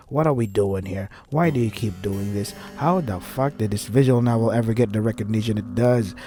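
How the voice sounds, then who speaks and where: A man with a mellow, medium-pitched voice hosts a let's play, reading a visual novel aloud. His commentary is irritated and sarcastic, laced with heavy swearing.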